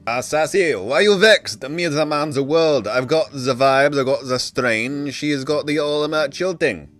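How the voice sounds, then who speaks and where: A man doing a boastful, slangy guest whose put-on accent drifts between places and never lands anywhere. He talks loud and pushy, hyping everything up with a fairly low voice. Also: fairly even intonation, moderate pace, faint music behind. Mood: loud hype. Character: male strain guest with a muddled put-on accent.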